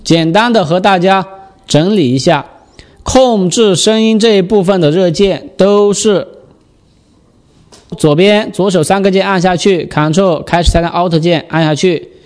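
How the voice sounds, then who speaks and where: A man giving a step-by-step software tutorial, explaining and patiently repeating the key steps. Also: high-pitched.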